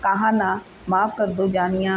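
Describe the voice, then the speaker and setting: A woman's voice: mid-range voice, flat delivery, lo-fi sound, a little hiss or hum, natural voice. A woman reading the lines of an anguished young husband, pleading and blaming himself after a temper outburst. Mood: remorseful. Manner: pleading, self-reproaching.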